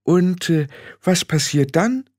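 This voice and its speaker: A fussy, anxious old witch, put on by a man reading an audiobook, frets and scolds. Her voice sits well above a man's usual pitch. The recording is dry and close. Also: animated, slow, a little mellow, dry recording, heavily acted. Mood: doubtful. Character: elderly fussy witch woman, anxious and proper. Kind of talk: audiobook character voice.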